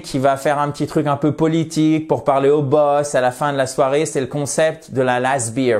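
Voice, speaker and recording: A man whose first language is French teaching English expressions, friendly and explanatory, slowing down to model English pronunciation. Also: mid-range voice, darkish tone.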